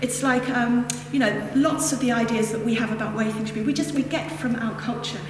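A woman with a fairly high pitch and steady tone talks a little fast, giving a reflective Buddhist teaching in a northern English accent. Her dharma talk to a group meanders through casual asides. The setting is a hall with a lectern, and the echoey recording uses a distant mic and has background noise.

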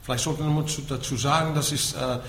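Recorded in an echoey room with faint background noise, a middle-aged man from the Netherlands lectures listeners as a Buddhist teacher in a Dutch accent, tagging his points with a short questioning word. His medium-pitched voice is fairly even, fairly quick, slightly bright, with vocal fry.

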